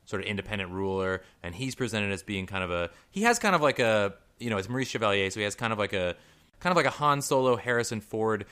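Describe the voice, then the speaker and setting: A young man with a mid-range voice talks films in a loose, rambling way. He restarts often and his voice jumps up when he gets excited. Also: fairly low pitch, fast talker, clean tone. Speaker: podcast co-host. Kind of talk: casual chat.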